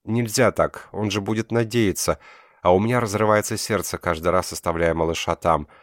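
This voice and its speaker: A man's voice: sits low, fairly quick, dry recording, studio quality, pitched above the performer's own voice, close to an everyday voice. A man voicing a tender, tearful young wife and mother in an audiobook. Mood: pleading.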